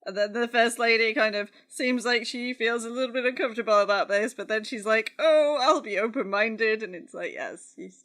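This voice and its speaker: A woman's voice: on the high side, brisk, hardly any pauses, a bit bright. A woman, co-hosting a podcast, chatting with amusement about a film and acting out its scenes. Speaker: podcast co-host. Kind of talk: casual film chat.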